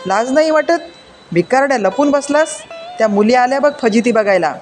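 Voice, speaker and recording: A storyteller playing a sharp-tongued village mother. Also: medium pitch, expressive, moderate pace, voice pushed up, lightly acted. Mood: angry scolding. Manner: sharp, scolding, commanding. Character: angry scolding village mother. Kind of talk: storybook reading. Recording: faint music behind.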